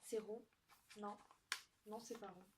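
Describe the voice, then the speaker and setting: Soft-spoken young woman, mic at a distance. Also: medium pitch, fairly even intonation, slow pace. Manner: soft-spoken, giggly, thinking aloud. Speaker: vlogger opening gifts. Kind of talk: casual unboxing chat to camera. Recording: distant mic with faint noise.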